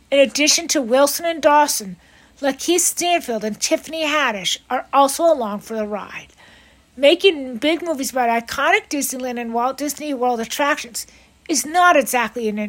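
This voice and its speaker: A woman's voice: high voice, poor audio. A woman hosting an entertainment news podcast, reading a script in an upbeat, playful way. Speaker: host.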